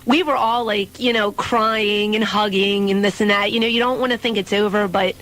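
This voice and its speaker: A woman's voice: mid-range voice, steady tone, normal speed, fairly bright tone, rough recording. A young adult woman, a pro wrestler, talking casually as a radio guest and often repeating words and restarting her sentences. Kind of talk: casual radio interview chat.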